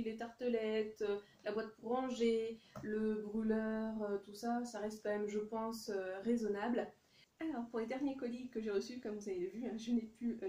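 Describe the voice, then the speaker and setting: A woman's voice: mid-range voice, mellow. Chatty French woman with a roomy echo. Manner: chatty, hesitant with many fillers; reads English product names in a deliberate French accent. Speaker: vlogger showing a haul. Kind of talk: casual haul vlog.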